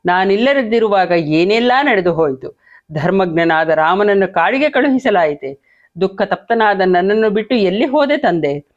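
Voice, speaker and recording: A man voicing a grieving young prince who laments his dead father in a plaintive reading, on a dull lo-fi recording. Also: high voice.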